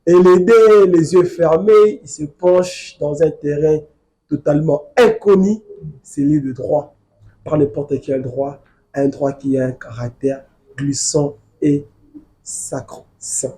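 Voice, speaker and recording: A legal researcher from the Democratic Republic of the Congo lectures during a studio political debate, insisting on finishing his point. His voice is a little high, slow, and mellow.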